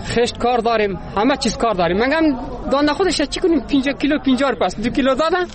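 Very high-pitched plaintive Afghan man, crowd behind. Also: lively intonation. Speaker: quake-affected local resident. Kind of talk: unscripted complaint.

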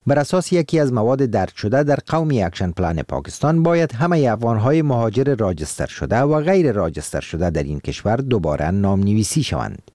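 A man reads a formal news report for radio. His pitch moves up and down a lot, his tone is mellow, and the sound is dry and close. He keeps a steady report-reading rhythm throughout. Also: few pauses, no room sound. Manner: formal, lively intonation.

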